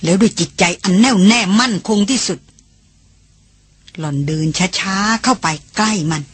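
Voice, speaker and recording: A woman reading an adventure novel aloud as an audiobook in a steady, measured storytelling voice. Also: mid-range voice, husky, no echo. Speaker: audiobook reader. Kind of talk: scripted narration.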